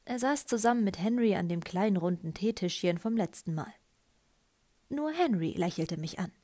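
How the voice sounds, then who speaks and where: A woman reads a novel aloud in the first person. Her storytelling is lively and expressive, at an ordinary middle pitch. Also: normal speed. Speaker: audiobook reader. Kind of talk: first-person audiobook narration.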